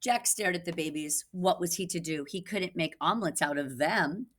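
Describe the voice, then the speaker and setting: A woman reading a picture book aloud for children in an animated way, with asides to listeners. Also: fairly low pitch, moderate pace. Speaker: children's storybook reader, teacher. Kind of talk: expressive read-aloud for children.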